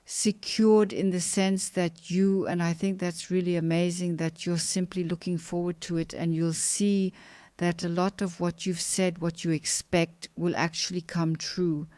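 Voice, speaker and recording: A woman in her fifties hosts an interview, speaking in an affirming, encouraging way. Her voice sits a little low and sounds smooth and resonant, recorded dry. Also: flat delivery, a little slow, warm tone, no room sound. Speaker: host. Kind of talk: conversational interview.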